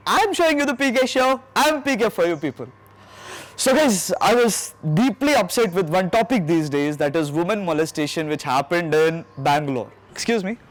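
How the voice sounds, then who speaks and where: A man's voice: high-pitched, lively intonation, moderate pace. A man with an Indian accent presenting a street interview show, chatty and talking to passers-by. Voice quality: code-switches between languages. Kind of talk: vox pop presenting to camera. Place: outdoors on a city street. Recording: outdoor street noise, passing traffic.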